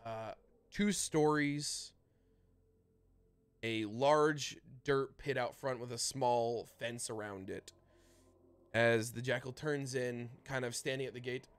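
Man narrating as game master. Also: mid-range voice. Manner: loose, rambling narration with restarts. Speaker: dungeon master.

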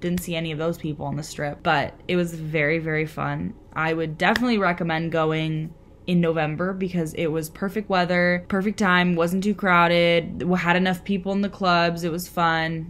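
A woman's voice: lowish voice, a bit bright, a little hiss or hum. A young woman in casual vlog chat, talking from her bed with lots of likes and ums into a close camera. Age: young adult. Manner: chatty, lots of fillers. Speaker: vlogger. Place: bedroom.

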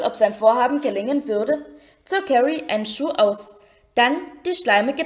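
A woman reading a children's fantasy novel aloud in a clear, measured narration. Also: a little high. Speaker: audiobook reader. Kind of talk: storybook narration.

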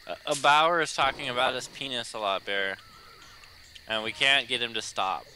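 A man's voice: medium pitch, moderate pace, bright, forceful tone, rough recording. A man making crude, teasing banter in casual chat while playing an online game with friends. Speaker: gamer in a let's play group. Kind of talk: casual chat during gameplay. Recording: faint noise, insects and game ambience.

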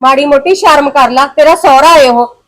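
A scolding village mother, played by a woman, with a very high, sharp-edged voice and a Punjabi accent. She lectures her son firmly, as in a short film drama. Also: moderate pace, close to an everyday voice. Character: scolding village mother, proud of family honor.

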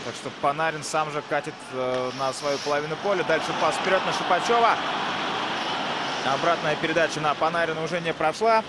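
A man's voice: a little high, fairly quick, heavy background noise. A man giving live hockey play-by-play commentary in short phrases that follow the play.

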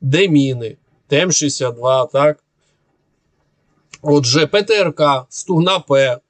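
A man talks through viewers' questions off the cuff in a somewhat high voice. He is sarcastic and combative, pausing often on filler sounds. The sound is dry and close, with no room echo. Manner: sarcastic, argumentative, hesitant with frequent filler sounds. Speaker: military analyst answering viewer questions. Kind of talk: unscripted monologue.

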